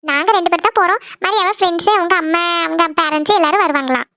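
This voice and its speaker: A woman's voice: very high-pitched, fast, bright, forceful tone, no echo, full character voice. A woman voicing a cheerful, bustling village mother in a cartoon, chatting in a homely way. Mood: chatty. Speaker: cartoon voice actor. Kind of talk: Tamil cartoon dubbing.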